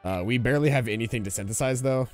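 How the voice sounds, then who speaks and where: A man's voice: medium pitch, quick pace, soft background music. A man casually commenting while he plays a video game on a live stream. He explains things as he goes and reads the game's text aloud.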